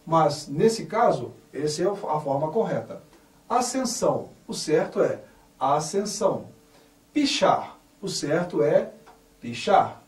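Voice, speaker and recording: Slow, animated man teaching grammar. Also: on the high side. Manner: spells out words carefully, stressing correct forms. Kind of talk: slow, deliberate grammar lesson. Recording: echoey room, voice somewhat far from mic.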